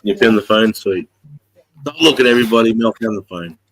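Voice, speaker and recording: Low-voiced Australian man, casual host. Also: fairly quick, a bit bright, poor audio. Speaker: host of an informal online hangout. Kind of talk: casual chat.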